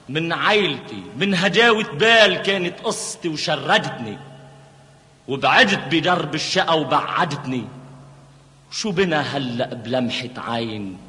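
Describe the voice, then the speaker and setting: A man's voice: mid-range voice, pushed and bright, long reverb tail. A man with a Lebanese accent singing the part of a torn young village man in a musical play. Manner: sings and declaims in rhyme. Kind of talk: sung musical theatre dialogue.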